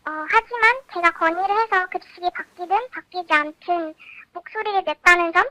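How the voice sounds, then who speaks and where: Teen student through a high-pitched voice changer. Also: bright, forceful tone, no room sound, low-quality recording. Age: teens. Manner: careful, measured and polite, with frequent "uh" fillers. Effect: pitch-raising voice changer for anonymity. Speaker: high school student interviewee.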